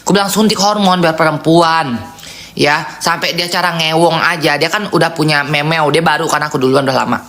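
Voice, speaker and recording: Blunt, gossipy bright-voiced live streamer. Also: medium pitch, fairly even intonation, quick pace, few pauses. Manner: blunt, outspoken, chatty storytelling.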